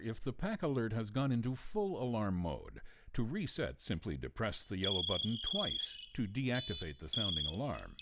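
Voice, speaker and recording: A man reading scripted instructional narration in a measured, procedural, clearly phrased manner, as for a training video. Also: fairly low pitch, very noisy.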